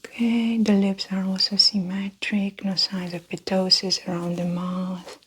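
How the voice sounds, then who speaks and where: A woman playing a calm, methodical female doctor in a whispered role-play, speaking in a soft breathy whisper with gentle clinical narration. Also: mid-range voice, a little slow, slight background noise, lightly acted. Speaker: ASMR performer.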